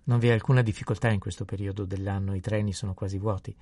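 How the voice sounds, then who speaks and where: A man's voice: on the low side, steady tone, racing, creaky, darkish tone, no echo. A man voicing a courteous hotel porter who speaks politely and obligingly.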